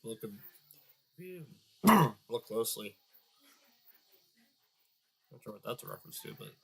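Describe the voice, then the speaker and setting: A man's voice: fairly low pitch, sing-song, unhurried, fairly bright tone, breathy edge. A man giving crude, sarcastic reaction commentary on a video, stuffed up and nasal from a cold. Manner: crude, sarcastic, swears often, muttering asides.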